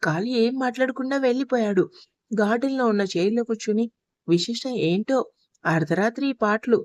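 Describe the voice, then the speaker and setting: A woman's voice: fairly high pitch, fairly quick, darkish tone, dry recording. Woman narrating a story, dry sound.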